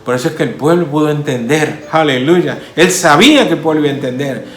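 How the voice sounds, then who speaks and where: A man preaching a sermon as pastor, often saying hallelujah, rising loud and falling soft. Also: on the high side, expressive, a little fast, reverberant. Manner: preaching with repeated hallelujahs, swelling and falling in force.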